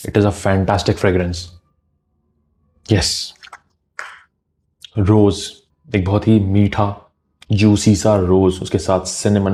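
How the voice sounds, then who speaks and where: A man reviews fragrances for his vlog with lively enthusiasm, mixing Hindi and English. His voice sits a bit low and sounds mellow and warm.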